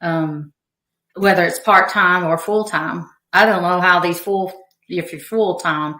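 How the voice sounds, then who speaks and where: A woman from rural talks in a relaxed, chatty way, her clear and her voice on the low side. She laughs often and fills her sentences with little pauses. The recording has a roomy echo. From rural Kentucky. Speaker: guest, angler's wife. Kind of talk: casual podcast chat.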